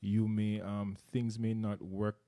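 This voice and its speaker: Slow and warm, the low-leaning voice of a middle-aged man from Jamaica keeps a level tone. He speaks with a Jamaican accent as an earnest interview guest in a casual chat, repeating words often while he gropes for them.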